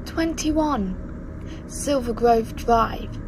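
Slow, formal female interrogator, acted, high-voiced. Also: noisy background. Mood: matter-of-fact. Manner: measured, deliberate, matter-of-fact. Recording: music behind the voice.

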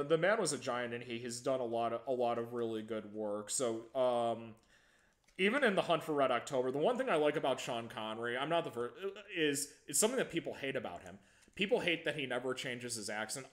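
A man's voice: mid-range voice, a bit bright. Stammering, rambling male podcast host. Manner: rambling, stammering restarts, laughs easily. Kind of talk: casual movie review chat.

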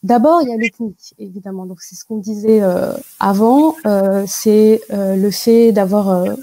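A young woman answering interview questions over a video call, explaining carefully with many pauses and fillers. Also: mid-range voice, fairly even intonation, dark tone, no room sound, low-quality recording. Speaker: guest. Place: indoor room at home. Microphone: video call with wired earphone mic.

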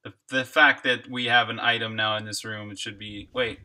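Guy coding a game live, super bright voice, just chatting and laughing with chat. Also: fairly low pitch, flat delivery, normal speed, a little hiss or hum. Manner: chatty, reads chat aloud, laughs often. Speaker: game developer streamer. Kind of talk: casual live-stream chat while coding.

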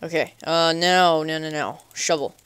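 Smooth-voiced playful young man gaming. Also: on the high side, fairly even intonation, measured pace, a bit bright, no echo. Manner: playful, chatty self-talk with goofy animal nicknames. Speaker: gaming channel host. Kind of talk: casual let's play commentary.

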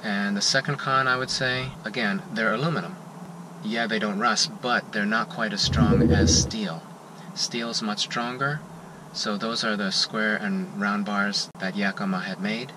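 A man's voice: lowish voice, steady tone, measured pace. A middle-aged man giving a casual gear review from inside a parked car, speaking plainly and unhurriedly with occasional "uh" fillers, recorded on a dashboard-mounted camera. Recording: loud background noise.

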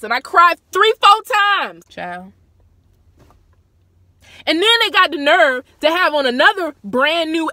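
A young woman, chatting casually and dramatically in a vlog, slangy and swinging from hushed to loud. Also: a little high, no echo. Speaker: vlogger. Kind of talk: casual chat recapping a TV show.

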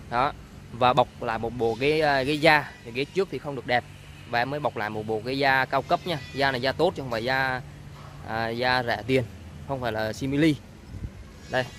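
Standing outdoors on a street beside a car, a man gives an informal, halting walkaround of the used car he's selling, often repeating himself. His voice is mid-range and fairly bright. He holds the camera and speaks from behind it, with outdoor ambient noise around him.

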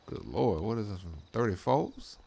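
Mellow and somewhat low, with a sing-song lilt at normal speed, this man rambles through slangy commentary on his drag racing role-play channel. He frequently adds "you know what I'm saying," and background noise is clearly present.

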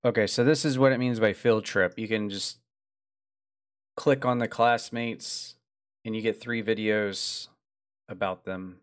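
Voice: mid-range voice, fairly even intonation, normal speed. A streamer giving casual, wry commentary while playing a game. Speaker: let's play streamer.

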